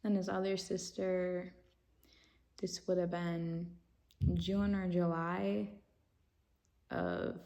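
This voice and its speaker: A young woman tells a personal story to her vlog audience at an unhurried pace. Her voice is dark and mellow with a gravelly fry running through it. She rambles casually with fillers and lets out nervous giggles. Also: fairly low pitch, animated. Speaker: vlogger.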